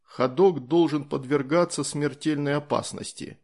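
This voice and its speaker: A man voicing a calm, easygoing soldier in an audiobook, explaining things in a matter-of-fact way. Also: a little high, a little slow, creaky.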